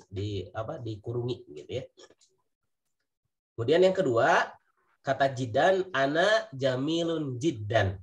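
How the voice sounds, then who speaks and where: A man with an Indonesian accent teaching an Arabic vocabulary class, patiently repeating each word and point. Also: medium pitch. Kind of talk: online class lesson.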